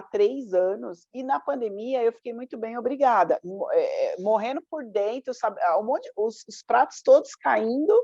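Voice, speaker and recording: A woman's voice: fairly high pitch, warm tone, no room sound. A woman coaching in a casual, chatty way, acting out her own inner voice. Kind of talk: casual motivational talk. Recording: dull dry lo-fi sound.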